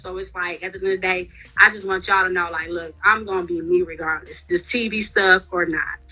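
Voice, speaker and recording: A woman's voice: on the low side, fairly even intonation, fairly quick, pushed and bright, slightly rough, faint music behind, rough recording. A woman guest in a casual interview, talking candidly with lots of fillers while wearing retainers that affect her speech. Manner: chatty and candid, lots of "you know" fillers. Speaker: guest, reality TV cast member.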